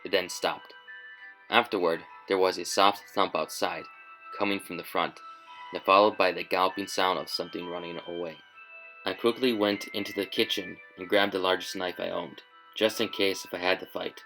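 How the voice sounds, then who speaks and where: A man narrating a scripted first-person horror story in a measured, tense way. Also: low voice, steady tone, pushed and bright, soft background music, low-quality recording.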